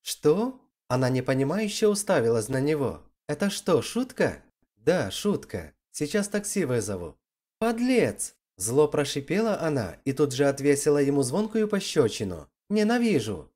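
A storyteller voicing a fiery, manipulative young woman, switching between shrill pleading and hissing anger in an audiobook story. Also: sing-song, moderate pace, darkish tone. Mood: indignant. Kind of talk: audiobook character reading.

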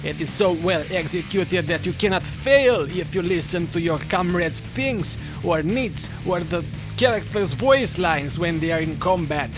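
A man with a high-pitched, expressive voice and a Russian accent offers video game tips in an unhurried, jokey, mock-instructive manner. It is scripted tutorial narration over gameplay from a gaming video creator, set against background music.

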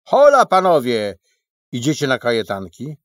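Shrill emphatic little man as a man puts him on, storybook, husky, lively. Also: measured pace, no echo. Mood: fussy, emphatic. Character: fussy little man of a kingdom.

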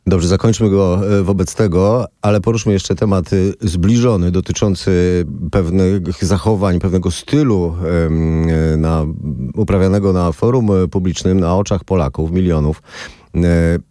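A male radio interviewer with a deep, mellow voice asks pointed follow-up questions and keeps pushing for answers. His voice sounds dry and close. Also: steady tone, normal speed, no room sound. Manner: probing, persistent questions. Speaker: interviewer host.

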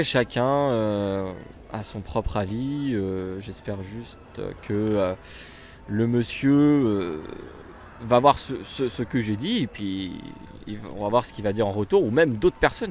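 A man's voice: fairly low pitch, animated, measured pace, a little mellow, a little hiss or hum. A man with a French accent casually commenting while he plays a bus simulator, chatty and rambling with lots of fillers and restarts. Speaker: gaming YouTuber.

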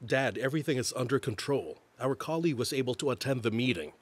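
A man's voice: medium pitch, animated, fast, husky. An actor dubbing a young husband who speaks firmly to his father and wife. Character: young husband, calm son. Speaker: dub actor. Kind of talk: drama dub.

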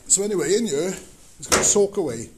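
Fast and animated, a man with a high-pitched voice rambles through a casual vlog, walking his farmyard and cow shed outdoors. He speaks plainly and shows his work on the way. The action camera on his body records background noise.

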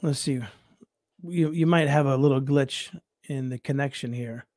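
A man who is a missionary preacher, telling a rambling, animated story on a talk show, laughing often and restarting his sentences. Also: medium pitch, normal speed, dry recording. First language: English.

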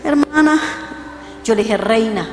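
A woman's voice: fairly high pitch, a little fast. Fervent woman preacher. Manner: storytelling, swinging from hushed to fervent shouting. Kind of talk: sermon. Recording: long reverb, faint music behind.

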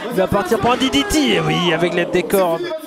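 A man giving excited live wrestling commentary, exclaiming as he calls the moves. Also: sits high, fairly quick, vocal fry, loud music behind the voice. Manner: exclamatory, calling moves as they happen. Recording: loud crowd noise throughout. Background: roaring live wrestling crowd.

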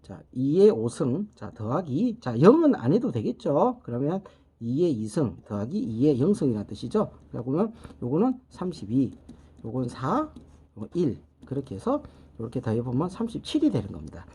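A middle-aged man teaching binary and decimal conversion, patiently walking through each step and starting phrases with a drawn-out "so". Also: medium pitch, huge pitch swings, warm tone, breathy edge. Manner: patient, repeats "자" and "요렇게" while working steps aloud. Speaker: network technology instructor. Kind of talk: whiteboard math lesson.

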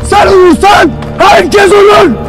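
A harsh shouting army commander. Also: male voice, very high voice, takes it slowly. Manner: harsh, lecturing, breaks into shouting. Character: stern male army commander berating troops. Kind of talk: film drama acting. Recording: film clip with loud music underneath.

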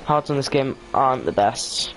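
A man's voice: medium pitch, animated, normal speed, a bit bright, slight background noise. Tired man commentating sim racing. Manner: hesitant, lots of ums and self-corrections; tired and yawning. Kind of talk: casual esports race commentary.

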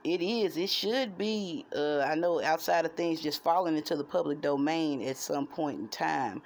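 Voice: mid-range voice, normal speed. An adult around forty chatting casually to a phone at arm's length in a room at home, in a musing, digressive, jokey way. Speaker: vlogger and amateur songwriter. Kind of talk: casual rambling chat to camera. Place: small room at home, indoors. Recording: noisy handheld phone recording.

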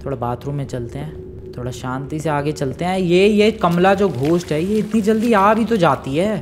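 A man giving lively, chatty commentary on his own gameplay, talking straight to his viewers. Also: on the high side, normal speed, soft background music. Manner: excitable, chatty, talks to viewers as "bhai" and "guys". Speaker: gaming YouTuber.

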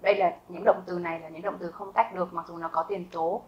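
A Vietnamese woman teaching a German grammar lesson, explaining step by step, asking her learners questions and saying example sentences slowly twice. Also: lowish voice, fairly even intonation, muffled recording. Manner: asks learners rhetorical questions.

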